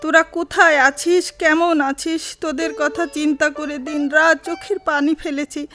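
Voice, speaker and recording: A woman's voice: high-pitched, level tone, unhurried, pushed and bright, soft background music. An actress playing a loving, long-suffering middle-aged mother, emotive and sentimental in the manner of an old radio show. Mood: sorrowful. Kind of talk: radio drama acting.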